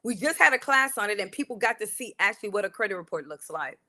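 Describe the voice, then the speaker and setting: A woman's voice: mid-range voice, lively intonation, fast, pushed and bright. A woman from San Antonio, a real estate broker telling her story in an earnest interview with frequent repeats. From San Antonio, Texas. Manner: earnest, talks in repeated restarts.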